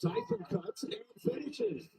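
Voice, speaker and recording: A man calling live basketball play-by-play, reading out stats between plays in a brisk way. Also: extremely high pitch, wildly swooping pitch, creaky, a crowd in the background, poor audio. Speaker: play-by-play commentator.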